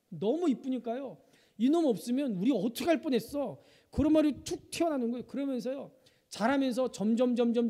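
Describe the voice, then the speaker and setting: A man's voice: high-pitched, warm tone. A male pastor preaching a sermon, telling funny family stories and asking the congregation questions. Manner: humorous storytelling, asks the congregation questions. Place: church sanctuary. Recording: long church hall reverb.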